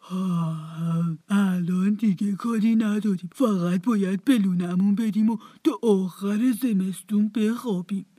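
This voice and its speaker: A woman voicing a big, lazy, proud father field mouse in a storybook, drawling and husky. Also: mid-range voice, fairly even intonation, few pauses, mellow, no room sound, close to an everyday voice.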